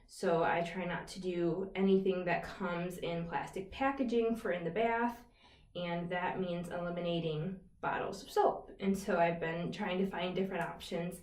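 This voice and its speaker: Chatty woman in a roomy echo. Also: lowish voice. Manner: chatty, rambling, full of fillers and asides. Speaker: skincare vlogger. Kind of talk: casual chat to camera. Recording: roomy echo, a little far from the mic.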